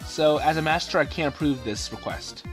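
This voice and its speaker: Game commentator, male, slightly higher voice, halting delivery full of fillers, faint game music behind. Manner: hesitant, many fillers and restarts, paraphrasing dialogue. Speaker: let's play commentator. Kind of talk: casual game commentary, translating and summarizing the story.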